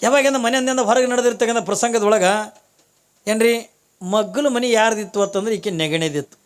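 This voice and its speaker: A man preaching a storytelling sermon, acting out the story's characters and repeating phrases for emphasis. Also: moderate pace. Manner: voices the story's characters, rising to high-pitched loud exclamations. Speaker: religious preacher.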